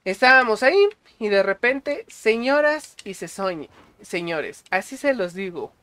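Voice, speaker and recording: Mexican guy streaming a film review, high voice, slangy and excitable, swears freely. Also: measured pace, dry recording. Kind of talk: casual movie review stream.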